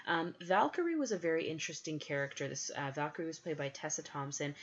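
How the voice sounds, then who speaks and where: A woman's voice: sits low, expressive, fast. A woman co-hosting a podcast, chatting with enthusiasm in a casual way. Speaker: podcast co-host. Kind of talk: casual chat. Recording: dull lo-fi recording.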